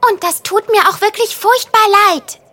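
A woman voicing a gentle but firm young pony with an earnest, cute manner in a children's cartoon audio play. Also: very high voice, moderate pace. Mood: apologetic, firm. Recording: music underneath.

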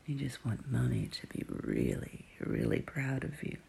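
A woman performing an intimate whispered roleplay audio, teasing and murmuring softly in a low whisper. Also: huge pitch swings, unhurried, creaky, a little hiss or hum.

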